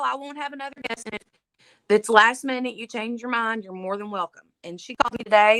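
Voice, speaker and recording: A woman hosts a laid-back livestream from home, chatting, laughing, and reading viewer comments aloud. Her voice is a little high and a bit bright, and the recording is rough but has no echo.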